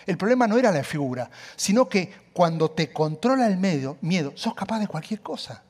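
Pastor guy preaching, lively up-and-down voice, talks right to the crowd. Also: high voice. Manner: animated, emphatic, conversational asides. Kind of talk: sermon.

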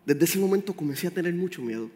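A man's voice: sits high, animated, quick pace, a little mellow. A man preaching a sermon, speaking directly and with animation to his congregation. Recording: roomy hall with faint music.

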